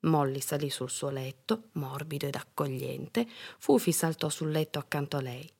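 A woman reading a children's story aloud in an expressive storytelling manner. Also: low voice, moderate pace, vocal fry, husky.

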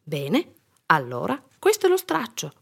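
A woman's voice: medium pitch, wildly swooping pitch, unhurried, creaky, a bit bright, slightly rough, heavily acted. A woman voicing a firm but loving mother in a storybook reading, with a scolding yet tender manner.

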